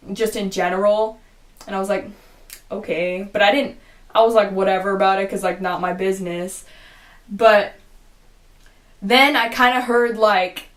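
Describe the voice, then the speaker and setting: A young woman casually telling a storytime vlog, rambling with lots of "like" and swearing, and quoting her own reactions in a hushed voice. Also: medium pitch. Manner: rambling, heavy use of "like", frequent swearing. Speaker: vlogger.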